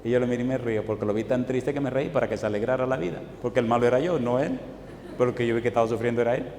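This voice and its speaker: A man's voice: medium pitch, rapid-fire, a little mellow. A male pastor preaching a sermon, telling stories from his own life and pressing the congregation with rhetorical questions. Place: church hall. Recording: echoey hall, faint background noise.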